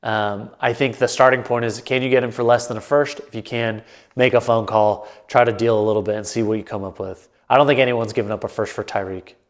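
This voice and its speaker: A man hosts his own sports talk show solo, recorded on a camera mic. Congested and a bit nasal, he thinks aloud in loose, rambling commentary to camera, his medium-pitched voice brisk and steady.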